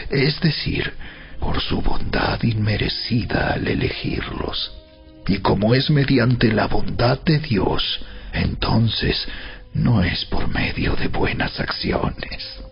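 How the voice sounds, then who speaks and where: A man's voice: lowish voice, gravelly. A man giving solemn, emphatic, rhetorical narration in a dramatized reading of scripture. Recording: dull sound with background music. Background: music.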